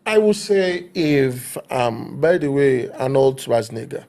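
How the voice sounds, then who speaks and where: A man's voice: mid-range voice, lively intonation, unhurried, darkish tone. A middle-aged Nigerian man with a Nigerian accent, an actor speaking as an interview guest in an emphatic, preaching way that keeps checking he is understood. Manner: emphatic, preaching, repeats himself with "do you understand me?". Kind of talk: interview talk.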